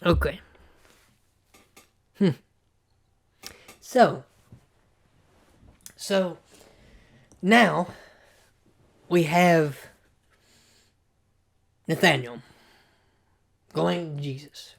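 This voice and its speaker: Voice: medium pitch, extremely slow, gravelly, long pauses. A Bible study teacher talking casually and thinking aloud, often stopping and repeating words.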